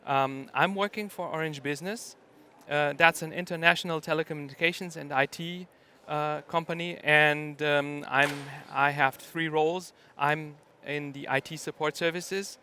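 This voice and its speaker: Man giving a halting talk. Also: fairly high pitch, fairly even intonation, sharp tone, a little hiss or hum. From Germany. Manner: hesitant, many ums and uhs. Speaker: conference speaker. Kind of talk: conference talk.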